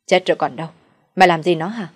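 A woman's voice: fairly low pitch, steady tone, fast, darkish tone, dry recording, studio quality, close to an everyday voice. A woman voicing a harsh old master of the house who scolds angrily. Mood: angry scolding.

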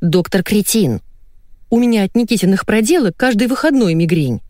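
A woman reading an audiobook, voicing a brisk, blunt woman friend with a stuffy allergy. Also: medium pitch, lively intonation, a little mellow, dry recording, studio quality, voice pushed up, close to an everyday voice.

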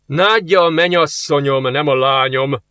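Smug teasing demon guy in a suit, drawls it out, man reading, bright voice. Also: a little high, smooth, no room sound, clean studio sound. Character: suave mocking male demon in a suit.

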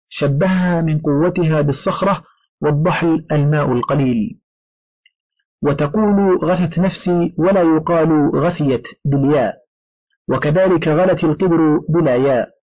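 Man, audiobook reader, formal steady recitation, husky tone, dull lo-fi recording. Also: a little high, no room sound. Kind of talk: measured reading of a classical grammar text.

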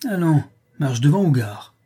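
A man's voice: a little high, big pitch swings, normal speed, mellow, slightly rough, voice pushed up. A man voicing a tough male factory worker who makes blunt threats, in a story reading. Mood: threatening.

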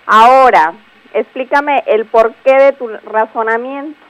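A woman's voice: on the high side, measured pace. A woman giving a grammar lesson on a radio show, quizzing her co-host and explaining patiently. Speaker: language teacher on a radio show. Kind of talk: radio spelling and grammar segment. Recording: dull lo-fi radio broadcast.

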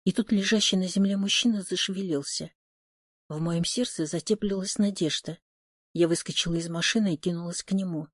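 A woman's voice: on the low side, brisk, no echo, clean studio sound. A woman reading a first-person audiobook in a tense, emotional way. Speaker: narrator. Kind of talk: audiobook narration.

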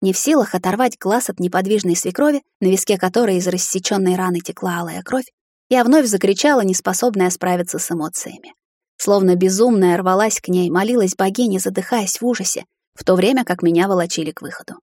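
A woman's voice: medium pitch, brisk, a little mellow, no echo, studio quality. A woman reading a first-person fantasy story aloud, with a dramatic, emotional delivery. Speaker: audiobook narrator. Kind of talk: first-person audiobook narration.

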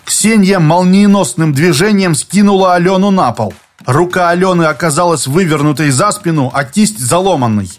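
A man's voice: sits high, moderate pace, soft background music. Man narrating an audiobook. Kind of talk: scripted narration.

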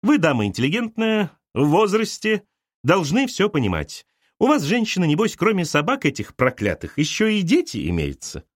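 Man voicing preachy bossy mother type, lectures everyone, bouncy pitch. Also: wildly swooping pitch, normal speed, dry recording, studio quality, full character voice. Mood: scornful. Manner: lecturing, sharp and commanding. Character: bossy little older woman, scornful and preachy.

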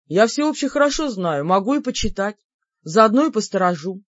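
A woman's voice: medium pitch, big pitch swings, fairly quick, no room sound, lo-fi sound. A woman voicing a naive, apologetic young man who keeps begging his sister's forgiveness, in an audiobook. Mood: pleading, apologetic. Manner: pleading, sheepish.

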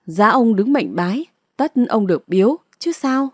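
A woman narrator voicing a calm older male village elder who explains gently. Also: fairly high pitch, moderate pace, slightly rough, no room sound, studio quality. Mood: soothing.

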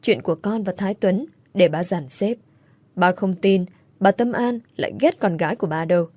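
A woman reading a gentle sorrowful old father. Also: mid-range voice, moderate pace, no echo, close to an everyday voice. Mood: reassuring.

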